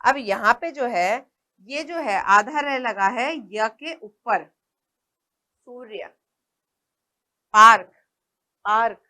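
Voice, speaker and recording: Slow, patient woman teacher. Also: fairly high pitch, lively intonation, pushed and bright. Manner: patient, repeats words slowly and checks in with "है ना". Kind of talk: slow primary-school lesson.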